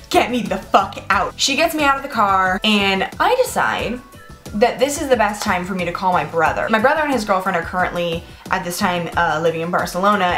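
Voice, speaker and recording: Swearing young woman telling a wild story. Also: medium pitch. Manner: animated, profane, fast bursts with lots of "like". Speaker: vlogger. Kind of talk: storytime monologue.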